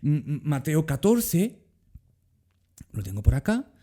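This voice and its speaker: Animated Spanish pastor preaching. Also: male voice, a little high, slow. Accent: Spain Spanish. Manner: animated, acts out Jesus's words in quotes. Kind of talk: sermon.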